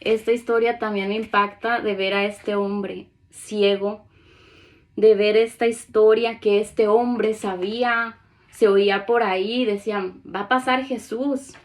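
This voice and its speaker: An earnest woman delivers a sermon in a mid-pitched voice, reading scripture aloud. She acts out the pleas of the people in the stories. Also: flat delivery, a little slow. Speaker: preacher.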